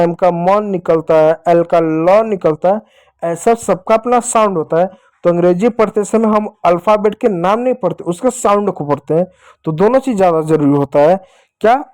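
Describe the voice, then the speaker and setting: A man teaching children a whiteboard English lesson, patient and explaining slowly with questions to the kids. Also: high-pitched, darkish tone.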